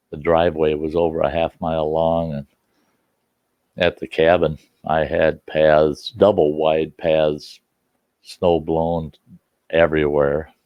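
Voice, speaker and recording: An older man, sixty or beyond, with a low voice, vocal fry, and a slightly stuffy nose, hosts a casual livestream from his home. He chats and reminisces in a folksy, rambling way as a storyteller. The recording is muffled and has no echo.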